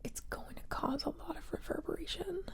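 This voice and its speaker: A woman whispering softly close to the ear into desk microphones, chatting casually in an ASMR ramble. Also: very high-pitched, brisk, vocal fry. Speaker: ASMR video creator. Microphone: close ear-to-ear microphones on a desk boom arm.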